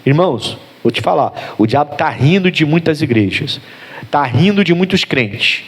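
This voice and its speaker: A Brazilian pastor delivers a sermon in a fairly high, very lively voice. His Brazilian Portuguese accent is plain, and he acts out short bits of dialogue as he preaches. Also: normal speed, breathy edge. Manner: animated preaching with acted-out dialogue.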